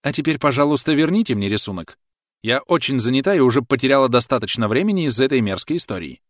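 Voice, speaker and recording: A prim, outraged schoolteacher woman, as a male narrator puts her on, pitched well above his own voice. Her speech swings widely in pitch, shrill and huffy. The recording is dry and close. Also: animated, fast talker, no echo, natural voice. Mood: indignant. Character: prim indignant female schoolteacher.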